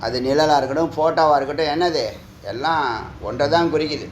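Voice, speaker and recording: A man's voice: a little high, fairly even intonation, fairly quick. A man giving a spiritual discourse, scolding his listeners with teasing rhetorical questions. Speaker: spiritual teacher. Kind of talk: Tamil discourse on scripture. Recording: echoey room, faint background noise.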